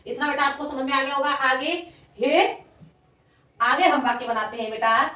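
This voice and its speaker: A woman teacher giving a slow, repetitive classroom lesson, dictating sentences and calling her students "beta". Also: high-pitched, sharp tone. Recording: echoey room, voice from far off.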